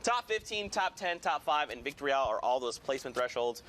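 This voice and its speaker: Guy casting esports live, hyped and jokey, bright sharp tone. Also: mid-range voice, quick pace, slight background noise. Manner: energetic, jokey play-by-play. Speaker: esports caster.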